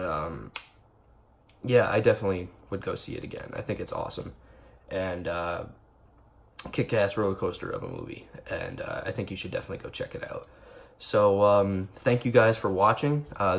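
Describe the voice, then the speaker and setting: Excitable young man, lowish voice, swearing. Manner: rambling, excitable, swears a lot, many fillers. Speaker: vlogger reviewing a movie. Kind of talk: casual spoiler-filled movie review.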